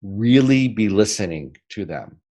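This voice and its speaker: His voice sits on the low side as this northern American man, guesting on an interview podcast, lays out sales technique. The teaching is emphatic and energetic, full of "right?", with his pace speeding up and slowing down for effect.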